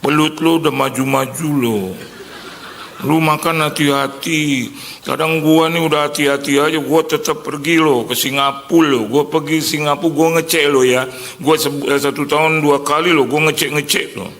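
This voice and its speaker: A man's voice: fairly high pitch, steady tone, moderate pace, gravelly, hardly any pauses, a bit bright, big-room sound, voice pushed up. A man voicing a pushy, nagging older male friend who scolds him in insistent, slangy banter.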